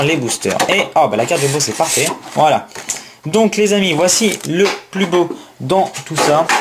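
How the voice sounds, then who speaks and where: A man chatting casually through a card unboxing, excited, repeating words and filling pauses with "euh". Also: fairly high pitch, noisy background. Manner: enthusiastic, repetitive exclamations and many fillers. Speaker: YouTuber opening trading card packs.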